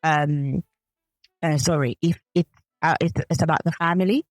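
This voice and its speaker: This podcast co-host is a woman from Zambia whose low voice moves at a moderate pace. Chatting casually about faith and relationships, she thinks carefully, frequently restarting and correcting herself mid-sentence; the audio has no echo and faint background music.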